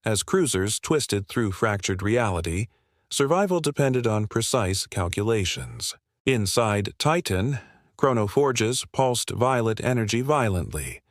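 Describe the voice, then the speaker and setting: Deep-ish guy reading a space war story, steady and dramatic. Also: a little slow, dry recording, clean studio sound. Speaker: narrator. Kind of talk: scripted sci-fi narration.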